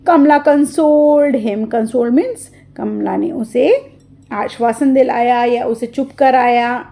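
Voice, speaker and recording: A woman's voice: fairly high pitch, slow, creaky, mellow. A woman tutor who reads each line of a story and then explains it in a lesson.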